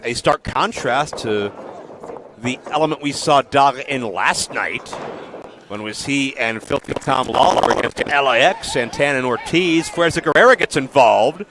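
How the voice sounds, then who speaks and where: A man's voice: medium pitch, normal speed, noisy background. A man calling a lucha libre match as a play-by-play wrestling announcer.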